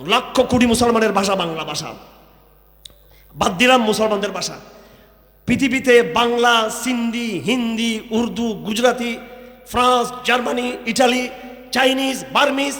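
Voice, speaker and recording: A man's voice: extremely high pitch, a bit bright. A man from Bangladesh preaching a sermon to a crowd, firing rhetorical questions and mocking. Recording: echoey hall with long reverb.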